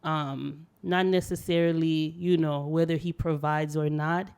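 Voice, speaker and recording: A woman from Haiti, talking casually on a podcast and pausing often with ums. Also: low voice, steady tone, a little mellow, clear, resonant tone. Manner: hesitant, many ums.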